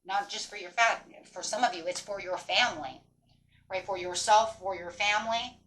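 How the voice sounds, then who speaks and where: Hosting a tarot reading as a fortune teller, this woman speaks at normal speed in a mid-range, fairly bright voice. She's spontaneous and rambling but encouraging and affirming, peppering her reading with "right?" and "you know".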